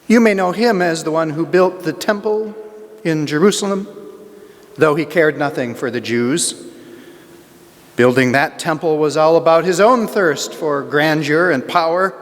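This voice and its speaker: A proud, scornful biblical king, acted by a man, delivers a theatrical stage monologue. His pitch sits fairly high and swings widely as he pompously justifies himself with sardonic contempt. The voice rings through a reverberant church hall. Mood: haughty, brooding. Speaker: amateur actor in church monologue. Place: large church, live performance.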